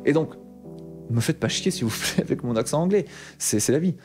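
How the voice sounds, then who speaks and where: This Bordeaux-accented tech YouTuber talks to camera in a casual, animated way, using slang and sounding mildly exasperated. His pitch is fairly high and his pace brisk. Soft music plays in the background.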